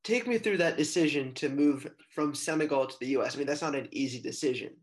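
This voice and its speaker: A man's voice: on the high side, fast. A man with an American accent asking questions as the host of a casual interview podcast. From San Francisco, United States.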